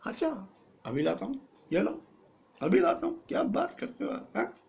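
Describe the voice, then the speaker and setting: A man's voice: sits high, big pitch swings, moderate pace, vocal fry, a little mellow, voice pushed up, heavily acted. A man playing a cocky clueless young hero. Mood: eager. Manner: boastful, misunderstands every direction. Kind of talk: comedy sketch acting.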